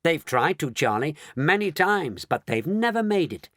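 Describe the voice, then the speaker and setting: A man voicing an eccentric, excitable male chocolate maker, speaking in a theatrical, exclamatory way. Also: on the high side, normal speed, no room sound, clean studio sound. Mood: explaining eagerly.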